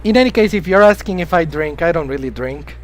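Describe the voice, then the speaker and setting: A Spanish-speaking gamer live-streams, rambling casually, greeting his viewers and answering chat while coughing now and then because he has been sick. His slightly high voice is animated and a little fast, on a low-quality recording.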